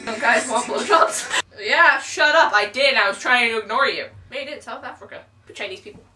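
Giggly, teasing high-voiced young woman. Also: brisk. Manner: giggly, teasing, crude jokes. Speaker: vlogger. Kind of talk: casual chat on camera with a friend. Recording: roomy, distant webcam sound with music behind.

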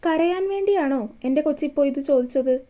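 A woman's voice: sits high, fast, dark tone, natural voice. A woman voicing a playful, affectionate young husband who likes to tease. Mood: tender. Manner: playful teasing.

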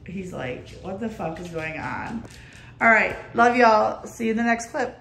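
A woman's voice: mid-range voice, expressive, a little slow, creaky, fairly bright tone, slight background noise. A middle-aged woman giving a chatty, upbeat vlog tour and talking straight to her viewers. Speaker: vlogger. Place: apartment indoors, later a car. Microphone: phone at arm's length.

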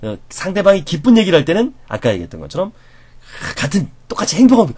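Husky, lively-voiced male professor lecturing. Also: high-pitched, fast. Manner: animated, acts out reactions. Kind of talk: lecture on conversation skills.

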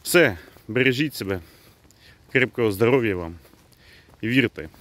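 A man giving a casual vlog update outdoors, talking unhurriedly in halting phrases. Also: mid-range voice, lively intonation, a bit bright. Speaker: vlogger. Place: outdoors on a dirt road.

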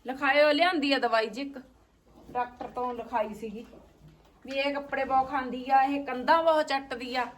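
A woman's voice: sits high, fairly even intonation, normal speed, a little hiss or hum, poor audio. A woman with a Punjabi accent chatting casually as a family vlogger, in a dramatic, exclaiming, scolding manner. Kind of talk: casual farm-chore chat.

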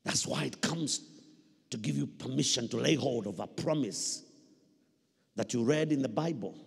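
Gravelly and husky at a medium pitch, this middle-aged Kenyan man preaches at a moderate pace into a handheld microphone. As a pastor giving a call-and-response sermon, he stresses points emphatically, repeats phrases, and throws questions to his listeners, all captured over the reverberant PA of a large indoor church hall.

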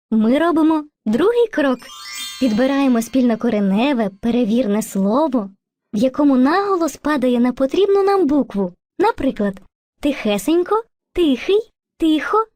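A woman's voice: high voice, no room sound. A woman voicing Movka, a kind female spirit of language who teaches and narrates patiently in an educational cartoon. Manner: patient, gently instructive, addresses children fondly.

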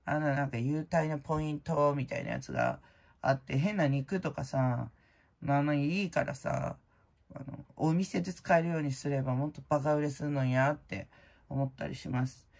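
A middle-aged woman hosting her own channel, chatting casually in a blunt, slangy way full of fillers, and loud-voiced by her own account. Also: deep voice, expressive, moderate pace, creaky. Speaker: prize-winning vlogger host. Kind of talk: casual chat.

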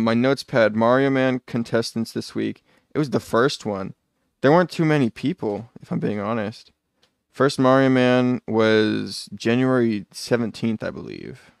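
A man streams a video game live, chatting casually and rambling, often muttering asides and correcting himself. His mid-range voice is gravelly, and the recording is dry.

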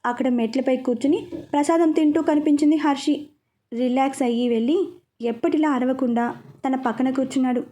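A woman narrating a serialized romance story in a steady, gentle reading voice. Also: sits high, a little fast.

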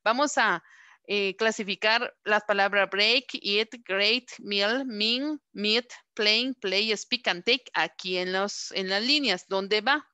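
A woman teaching a class, repeating words slowly and asking questions over and over. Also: medium pitch, pushed and bright, clean tone, no echo. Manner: slow, drawn-out word modelling and repeated questions. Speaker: English teacher. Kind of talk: online class instruction.

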